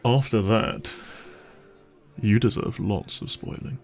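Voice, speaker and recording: A voice actor plays an apologetic, devoted, secretly wealthy boyfriend on a dinner date in an intimate roleplay audio drama, sounding earnest, tender and resolute, with hesitant phrasing and sighs. His voice is lowish, steady and a little mellow, and he takes it slowly.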